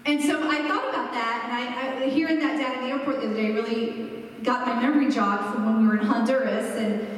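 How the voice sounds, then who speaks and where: A fairly high-voiced woman in her forties preaches in a relaxed, conversational way and tells stories with emphatic repeats. Her voice rings out through a large, echoey church hall. She is heard from some way off the mic. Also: recorded from a distance. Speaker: pastor. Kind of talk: sermon introduction. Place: church sanctuary.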